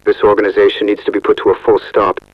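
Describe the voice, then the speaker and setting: A man's voice: on the low side, monotone, fast, no echo, dull audio, close to an everyday voice. A man playing a grim, disgusted investigator logging findings in found-footage horror.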